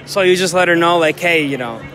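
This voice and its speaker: A man's voice: on the high side, fairly quick, a bit bright. A young man running a casual street interview outdoors on a campus, asking laid-back, probing follow-up questions. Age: young adult. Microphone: handheld recorder. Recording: outdoor crowd and background noise.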